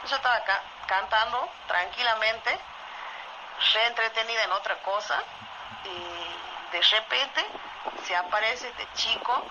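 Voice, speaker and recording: A woman with an Argentine accent from Salta, telling a true story in a voice message in a lively way, often asking "¿viste?". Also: on the high side, measured pace. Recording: muffled voice message with loud noise.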